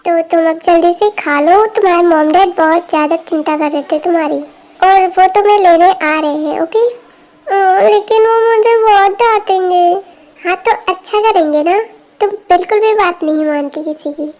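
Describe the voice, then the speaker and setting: A woman voicing a calm, caring young man in an amateur fan dub, with a gentle, reassuring manner. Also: extremely high pitch, normal speed. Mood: scolding.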